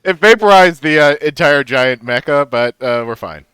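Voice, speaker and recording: High, bright-voiced man riffing on a game. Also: expressive, normal speed. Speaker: gaming show regular. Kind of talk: joking casual game commentary.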